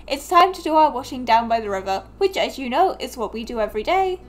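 A weary, folksy farmer dad from a storybook game, put on by a woman. He speaks his homespun lines in a high, unhurried way. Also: lively intonation, natural voice. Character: weary hardworking farmer father.

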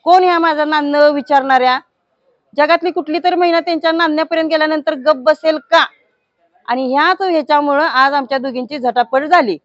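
A woman from Maharashtra, a village head, giving a forceful, indignant statement to the news media. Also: high voice, a little fast, no echo. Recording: dull lo-fi news recording.

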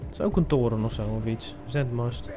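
A man's voice: mid-range voice, brisk. A young Dutch man commenting live on his own gameplay, muttering to himself and swearing at sudden scares. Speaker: gamer streaming a playthrough. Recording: game music playing underneath.

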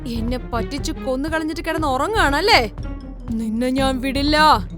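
A woman voicing a vengeful male ghost with slow, low lines and cackling laughs. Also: steady tone, over music, lightly acted.

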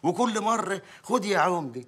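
An actor with an Egyptian accent playing a crude, tyrannical village mayor in a TV drama, barking threats. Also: male voice, sits high, lively intonation, moderate pace, fairly bright tone, slightly rough, full character voice. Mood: mocking. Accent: Egyptian Arabic. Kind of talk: TV drama acting.

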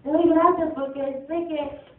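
A woman's voice: high voice, steady tone, unhurried. A young woman in an amateur church play, acting a worried widowed mother who pleads tearfully with her son. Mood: pleading. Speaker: church youth actor. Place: church hall. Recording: distant, echoey, tinny.

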